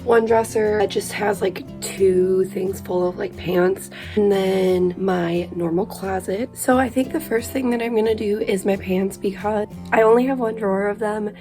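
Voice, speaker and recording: A lifestyle vlogger in her twenties chats casually from her bedroom, her mid-range voice still a bit worn as she recovers from illness. She speaks at a moderate pace with fairly even intonation and few pauses, using "like" a lot. The mic is distant, with guitar music playing behind her.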